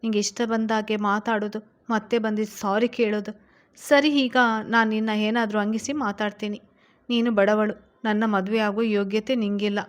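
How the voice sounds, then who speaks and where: A woman's voice: medium pitch, flat delivery, normal speed, natural voice. A woman reading a storybook and voicing a stern, wealthy young businessman who scolds his wife harshly. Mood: stern scolding.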